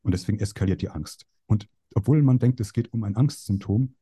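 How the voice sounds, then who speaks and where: A young man speaks as a psychoanalyst, walking through clinical examples in a relaxed conversation. His voice sits fairly low and sounds dark and mellow. The recording is dry and close. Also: fairly quick, breathy edge, dry recording. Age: young adult. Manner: explains with case examples, voices patients' lines. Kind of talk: explanatory conversation.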